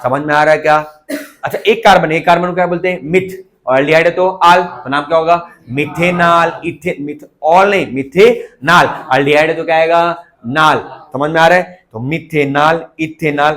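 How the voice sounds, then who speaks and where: In a classroom lecture, a man teaches chemistry and coaxes his students along, constantly asking whether they've understood. His voice is a little high and a bit bright, delivered at a moderate pace.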